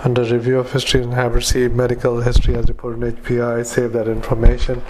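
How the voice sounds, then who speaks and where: A man speaks as a clinician dictating medical notes, using clipped fragments and saying punctuation and formatting commands aloud in a flat monotone. His voice sits in the mid-range, he moves quickly, and there's slight background noise.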